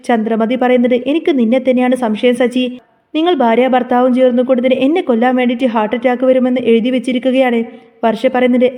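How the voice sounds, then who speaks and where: Woman, high voice, mellow tone, serial episode recap narration.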